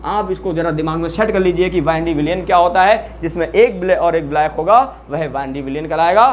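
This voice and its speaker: A chemistry teacher talks through a lesson in a steady classroom manner. The teacher keeps asking the students questions and answering them, and repeats new terms slowly so they stick. There is a faint hiss behind the voice. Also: medium pitch. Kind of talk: classroom lecture.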